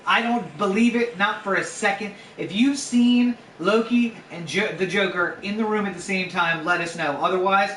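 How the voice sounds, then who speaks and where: A talkative man hosts a casual home podcast, his fairly high voice sounding roomy and a little distant. There is a faint hiss behind him. He teases and argues his points playfully. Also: moderate pace, few pauses, a bit bright. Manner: chatty, playfully argumentative. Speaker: podcast host. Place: home room.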